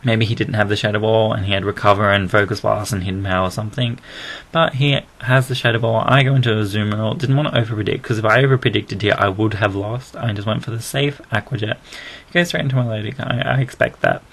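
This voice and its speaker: A man's voice: lowish voice, fairly even intonation, fast talker, vocal fry, fairly bright tone. A man with an Australian accent giving casual, rambling, self-deprecating commentary over a video game battle, recorded on a built-in laptop mic.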